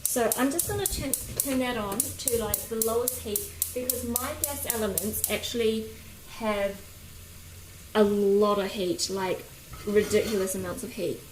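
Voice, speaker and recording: Speaking at a medium pitch and a measured pace, a woman with a broad Kiwi accent chats casually while hosting a cooking livestream and greeting viewers. She's in her home kitchen, recorded on a phone a little way off, so the room sounds echoey and kitchen noise comes through clearly: a sizzling pan, stirring, general clatter.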